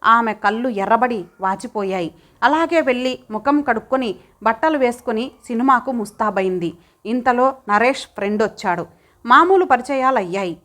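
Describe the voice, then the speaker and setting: A woman reads a short story aloud in a steady, expressive narration. Her voice sits somewhat high. It is scripted audiobook storytelling. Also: normal speed.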